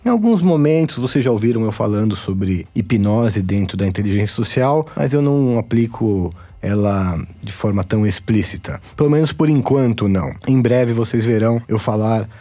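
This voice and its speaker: A man's voice: fairly low pitch, lively intonation, normal speed, hardly any pauses, warm tone. A man with a Brazilian Portuguese accent hosting a podcast in a casual, conversational way, speaking informally and directly. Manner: informal, addresses the listener directly. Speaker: podcast host.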